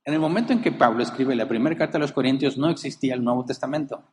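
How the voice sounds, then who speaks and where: A man's voice: medium pitch, rapid-fire, a little mellow, long reverb tail, a little hiss or hum. A man preaching a sermon as a pastor, emphatic, rising and falling, asking rhetorical questions. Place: church.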